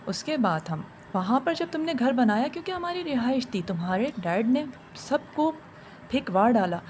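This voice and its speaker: A woman's voice: on the high side, expressive, a little mellow, slight background noise, lightly acted. A woman voicing a vengeful young female jinn bride, speaking in a taunting, menacing way.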